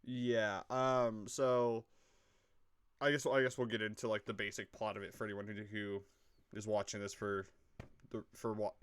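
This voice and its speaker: A man's voice: lowish voice, level tone, moderate pace, a bit bright, clear, resonant tone. Rambling, swearing young-sounding man. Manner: rambling, filler-heavy, swears freely. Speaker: co-host reviewing a TV show. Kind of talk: casual chat.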